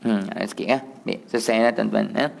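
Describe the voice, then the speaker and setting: A Malaysian man teaching Quran recitation in a prayer hall, explaining pronunciation to his class and then chanting the verse slowly for them to repeat. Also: on the low side, gravelly, a little hiss or hum.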